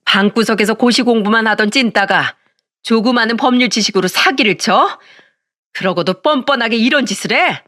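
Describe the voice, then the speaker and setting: A woman's voice: medium pitch, expressive, normal speed, fairly bright tone, no echo, close to an everyday voice. A blunt, bossy middle-aged woman friend, put on by a female narrator scolds in a brash, accusing voice. The sound is dry and close, with no room around it. It comes across as a story read aloud. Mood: scolding.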